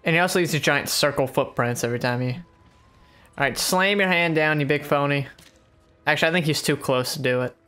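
A man's voice: a little high, bright, forceful tone. Rambling, laughing gamer man. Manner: rambling, laughing, drawn-out tangents. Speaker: let's play co-host, player. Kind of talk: casual gameplay chat.

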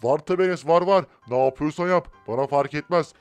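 An easygoing town mayor on the phone, as a man puts him on in a Minecraft role-play, speaking a little higher than usual. Soft game music plays underneath. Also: brisk, smooth, lightly acted. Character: calm adult male town mayor on the phone.

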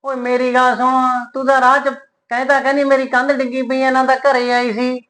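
A lazy village mason man, as a woman acts him out, speaking with a Punjabi accent. His voice sits high and stays flat and unhurried, and he shrugs off every complaint with teasing ease. It is comic short-film acting. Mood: easygoing teasing. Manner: easygoing, teasing, brushes off complaints.

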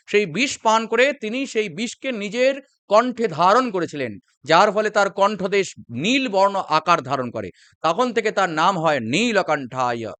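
A man with a Bengali accent teaching a devotional mantra, chanting it slowly and then explaining its meaning line by line. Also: high-pitched, no echo. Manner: slow drawn-out chanting, then steady explanation.

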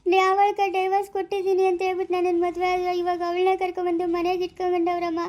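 A woman's voice: fairly even intonation, quick pace. Woman playing a tearful wronged young wife. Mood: tearful, despairing. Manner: high plaintive wailing and bitter accusing. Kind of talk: amateur family drama acting.

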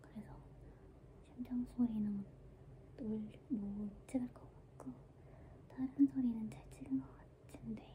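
A young woman chats in a breathy ASMR whisper, held close to the mic. Her delivery is very slow and drifting, with little rise or fall. The tone is extremely soft and dark, as she gently muses aloud. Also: on the high side, steady tone, slight background noise. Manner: unhurried, drifting, gentle musing. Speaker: ASMR creator. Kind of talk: whispered ASMR casual chat. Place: small room indoors, lying down. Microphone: handheld microphone held close to the mouth.

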